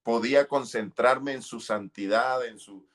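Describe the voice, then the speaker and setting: A man's voice: mid-range voice, measured pace. A middle-aged man giving an earnest, fervent testimony in an interview. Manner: earnest, fervent, relives moments with cries and shouts. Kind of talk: emotional testimony.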